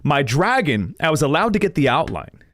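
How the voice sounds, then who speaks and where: A man's voice: a little high, sing-song, moderate pace, fairly bright tone, no echo, studio quality. A young man chatting casually and rambling to his viewers as a gaming streamer, laughing often at himself. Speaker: gaming streamer reacting to lore videos.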